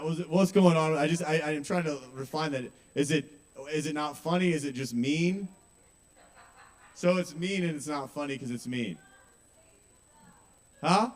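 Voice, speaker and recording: A young man doing stand-up comedy at an open mic, talking casually, swearing and checking in with the audience. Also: a little high. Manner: conversational, asks the audience questions, swears. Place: small kava bar with live audience.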